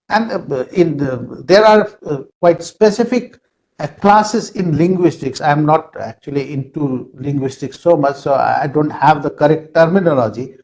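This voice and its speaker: A native Nepali speaker with an Indian English accent gives an online lecture over a video call, halting often and using many fillers. His voice is medium-pitched and a little mellow.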